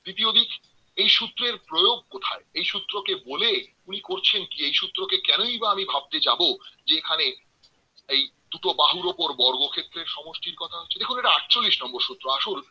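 Bright, husky-voiced man lecturing. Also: fairly high pitch, expressive, low-quality recording. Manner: explanatory, addresses listeners directly, recites verses slowly. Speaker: professor giving a webinar lecture. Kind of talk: lecture on ancient mathematics. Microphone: video call.

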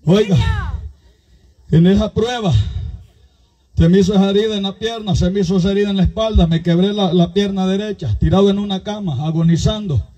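A man's voice: high-pitched, a little fast, mellow, muffled recording. A man preaching a fervent sermon, with a strong voice and constant calls to his "brothers.". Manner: impassioned, repeatedly addressing listeners as brothers. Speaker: pastor.

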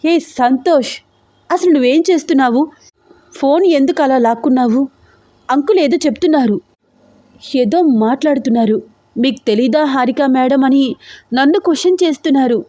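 A woman's voice: sits high, moderate pace, long pauses, dark tone, dry recording, studio quality, voice pushed up, lightly acted. A woman voicing a frantic, pampered young woman in a storybook audio drama, talking in an urgent, pleading, tearful way. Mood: panicked.

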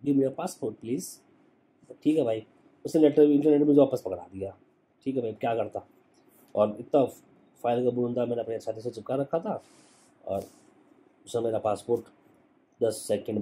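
Husky dark-voiced travel vlogger man. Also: medium pitch. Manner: chatty, slangy, keeps adding "ठीक है". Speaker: travel YouTuber. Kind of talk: casual storytelling vlog.

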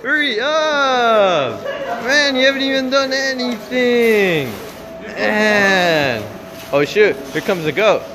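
A man's voice: extremely high pitch, expressive, slow. A young man in casual, teasing vlog chatter, filming his coworkers on a phone in a large warehouse and laughing often. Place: large warehouse floor, indoors. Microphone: handheld phone camera. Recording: noisy warehouse ambience.

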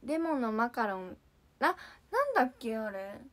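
A woman's voice: on the high side, very animated, normal speed, fairly bright tone. A young woman chatting casually on a livestream, reading viewer comments and answering in a giggly, bubbly way. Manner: giggly, bubbly, often surprised. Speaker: idol livestream host.

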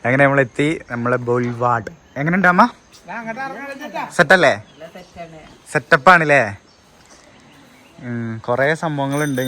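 A man's voice: a little high, low-quality recording. A man, vlogging casually as he shows people around a resort. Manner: chatty, keeps checking "all set?". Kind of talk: casual tour vlog. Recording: steady background noise.

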